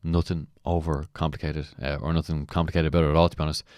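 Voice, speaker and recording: Male mentor, very low voice, emphatic motivational commentary, dry sound. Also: little pitch movement, fast, darkish tone, dry recording. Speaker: mentor and coach. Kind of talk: motivational commentary on a client testimonial.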